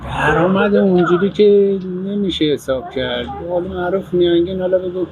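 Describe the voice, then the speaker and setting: A man's voice: high-pitched, a little mellow, lo-fi sound. A man working as a taxi driver, chatting casually and complaining as he answers an interviewer. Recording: noisy vehicle and street ambience.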